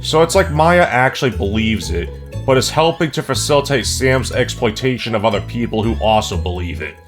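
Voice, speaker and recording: A man's voice: medium pitch, fairly quick, soft background music. Snarky profane male movie reviewer. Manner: snarky, profane, deadpan jokes. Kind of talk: sarcastic comedic movie review narration.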